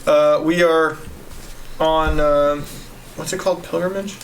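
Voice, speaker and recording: A man's voice: on the high side, steady tone, unhurried, a little hiss or hum, low-quality recording. A man talking casually, with crude banter, as a player at a tabletop game. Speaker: tabletop role-playing player.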